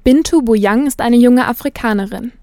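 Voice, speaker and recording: A woman's voice: fairly high pitch, a little mellow, no room sound. Woman reporter in a dry booth. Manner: measured, factual delivery. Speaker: radio reporter. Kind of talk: scripted narration.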